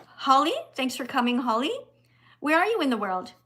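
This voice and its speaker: A woman's voice: sits high, sing-song, normal speed, bright, forceful tone. An older woman hosting a livestream, talking with callers in an insistent, lecturing, teacherly way. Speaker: livestream host.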